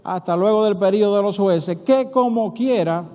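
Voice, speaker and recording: A Dominican pastor with a high voice preaches in an animated, conversational way and keeps asking the congregation questions. His words ring out with a long reverb inside the church sanctuary. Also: moderate pace. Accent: Dominican Spanish. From Dominican Republic. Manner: animated storytelling, acting out dialogue between biblical figures. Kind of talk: sermon.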